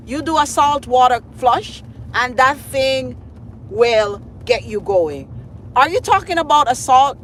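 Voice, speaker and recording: A middle-aged woman hosts a live-stream, chatting to her viewers in an unhurried, rambling way, full of fillers and easy laughter. She is speaking outdoors, and faint traffic hums in the background. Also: high-pitched, fairly bright tone. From Jamaica. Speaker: food blogger host. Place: outdoors at a scenic lakeside.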